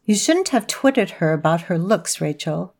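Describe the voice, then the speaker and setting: A woman's voice: on the low side, big pitch swings, creaky, darkish tone, full character voice. Woman doing stern older spinster, firm but fair, voice swings a lot, radio play. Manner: firm, measured.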